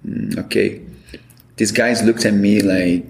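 A man's voice: on the low side, takes it slowly, vocal fry, echoey room. A man with a Brazilian Portuguese accent, telling stories as an interview guest and acting out quoted dialogue. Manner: animated storyteller, acts out quoted dialogue. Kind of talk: storytelling interview.

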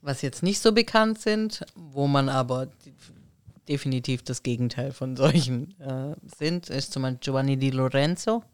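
Smooth-voiced chatty man, podcast co-host. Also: medium pitch, moderate pace, no room sound. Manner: chatty, hesitant with frequent fillers. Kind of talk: casual podcast chat.

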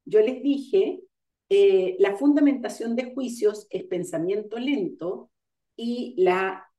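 A woman giving an online lecture on coaching, explaining ideas step by step and pausing with fillers to gather her thoughts. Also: medium pitch, warm tone. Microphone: video call. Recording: roomy sound, far from the mic.

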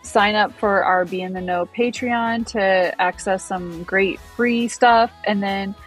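A woman speaks slowly in a steady, medium-pitched voice over soft background music. She's a podcast co-host in casual chat mode, self-deprecating and rambling, often restarting and laughing at her nervousness.

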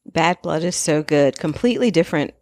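Woman, podcast co-host, teasing, gravelly, lively pitch. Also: brisk, no room sound, studio quality. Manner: teasing, joking. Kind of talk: casual podcast chat.

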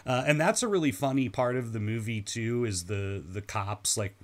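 A man's voice: medium pitch, normal speed. A man talking casually as a guest about films, retelling scenes and mimicking the people in them. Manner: animated storyteller, acts out quoted people. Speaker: podcast guest. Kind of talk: casual film discussion.

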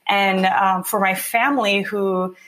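A young Californian woman, a guest on a podcast, shares her own story in a casual interview. She sounds reflective and unhurried, with a steady, fairly bright middle-pitched voice, and she often lingers on fillers and starts sentences over.

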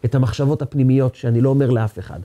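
A man's voice: mid-range voice, steady tone, warm tone, muffled recording. A man giving an earnest sermon as a rabbi, acting out quoted speech as he teaches.

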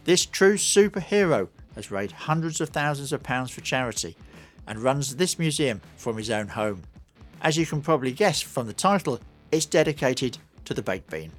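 A man's voice: medium pitch, big pitch swings, moderate pace, faint music behind. A man narrating scripted travel stories as a podcast host.

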